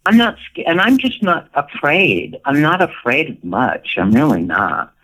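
A woman's voice: low-pitched, huge pitch swings, measured pace, fairly bright tone, rough recording. An older woman and retired performer, telling stories as an interview guest in a playful, theatrical way, laughing often and acting out what people said. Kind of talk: casual storytelling interview.

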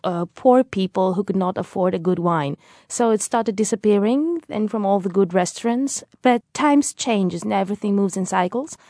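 A woman's voice: mid-range voice, warm tone, no room sound, studio quality. A woman from Greece with a Greek accent, a native Greek speaker, talking as a tour guide in an interview. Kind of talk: conversational interview.

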